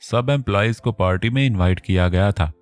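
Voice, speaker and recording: A man with a very low, deep voice narrates a romance novel at a steady storytelling pace. The sound is dry and close-miked, with faint music running underneath. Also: fairly quick, no room sound.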